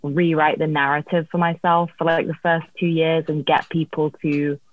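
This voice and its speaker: A woman's voice: low voice, level tone, moderate pace. Woman on a thin, phone-like line. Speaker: songwriter being interviewed. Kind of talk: casual chat, telling career story. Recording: thin, dry phone-like call audio.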